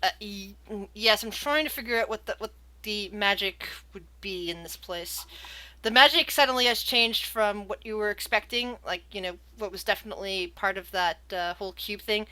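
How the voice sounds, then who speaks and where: A woman running a tabletop game as game master, improvising narration in a halting way and repeating words as she finds her phrasing. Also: medium pitch, pushed and bright.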